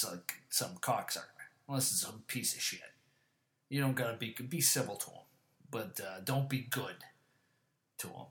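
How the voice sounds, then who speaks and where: Brief: male solo podcast host, casual rant, constant swearing, voice climbs when worked up. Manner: rants and gets louder and higher when annoyed. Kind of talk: casual ranting monologue.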